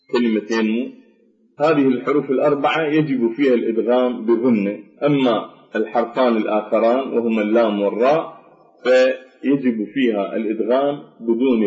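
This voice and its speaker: Male teacher, measured lecturing voice, middle pitch, roomy lo-fi sound. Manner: slow, deliberate explaining, with demonstrations. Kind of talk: lecture on Quran recitation rules. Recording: roomy, dull lo-fi recording.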